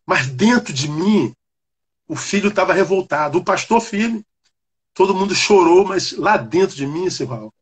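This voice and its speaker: Male pastor, husky and fairly high, animated testimony in a casual chat. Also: measured pace. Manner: animated storyteller, calls the listener "cara". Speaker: Baptist pastor. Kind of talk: personal testimony on a live chat.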